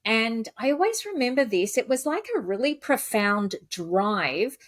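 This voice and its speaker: A woman hosting a casual interview, chatty and laughing often, lively when she quotes herself. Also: fairly high pitch, measured pace, dry recording. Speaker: podcast host.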